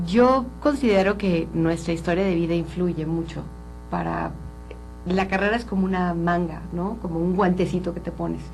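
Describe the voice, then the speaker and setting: A woman's voice: mid-range voice, gravelly, darkish tone, rough recording. A woman from Colombia, a psychologist speaking earnestly and openly as an interview guest. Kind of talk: candid interview talk.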